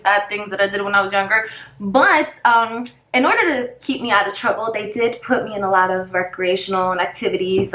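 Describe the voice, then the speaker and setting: Doing her makeup on camera, a Spanish-speaking woman in her thirties talks casually and rambles, now and then losing track of what she was saying. Her mid-range voice has a sharp tone, and the rough recording picks up room echo and a bit of background noise.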